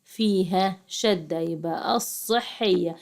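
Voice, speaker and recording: A woman's voice: lowish voice, slow pace. A young woman with an Egyptian accent works through a lesson with second graders. She talks casually and coaxingly, often breaking off and restarting, and calls her pupils in to look along with her. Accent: Egyptian Arabic. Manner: chatty, coaxing, addresses pupils directly, frequent restarts. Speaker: private tutor teaching second graders. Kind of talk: casual classroom explanation.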